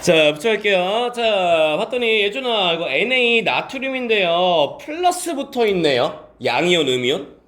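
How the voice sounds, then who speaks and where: Lively high-voiced male teacher quizzing students. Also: unhurried. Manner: calls on students by name and quizzes them, answering his own questions; polite teacher speech mixed with casual student talk. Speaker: science teacher. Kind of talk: classroom lecture with questions to students.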